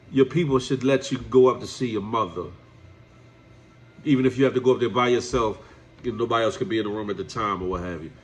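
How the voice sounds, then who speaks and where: This male YouTube commentator has a mid-range, fairly bright voice, though allergies leave him stuffed-up and nasal. He delivers preachy commentary straight to the person he's lecturing, whom he calls "my brother."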